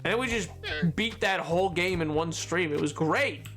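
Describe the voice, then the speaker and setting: A man chatting casually and excitably on a gaming livestream, joking and repeating his words. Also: high-pitched, moderate pace, music in the background. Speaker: game streamer.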